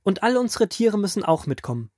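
A man voicing a steady, earnest prophet who answers a king firmly in a children's Bible audio drama. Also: sits high, fairly quick, dry recording, clean studio sound, pitched above the performer's own voice. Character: firm steady male prophet leader.

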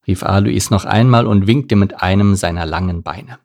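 A man's voice: low voice, normal speed, a little mellow. A man narrating a children's story in a playful way, speaking directly to his listeners. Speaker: audiobook narrator.

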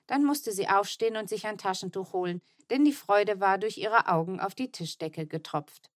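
A woman narrating a children's audiobook in an expressive, lively storytelling manner. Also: medium pitch, dry recording, clean studio sound.

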